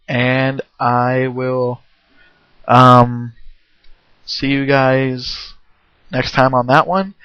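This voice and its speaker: Male home game reviewer, casual and rambling, throat-clearing, lo-fi dry recording. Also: medium pitch, fairly bright tone, no room sound. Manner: rambling, with many fillers and restarts.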